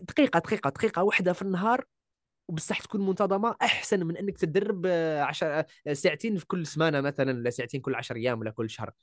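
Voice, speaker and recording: Voice-over artist guest, Algerian man, rapid emphatic chat, a touch high. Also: dry recording, clean studio sound. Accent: Algerian Arabic. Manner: emphatic, repeats key words, mixes in French and English. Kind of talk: casual interview chat.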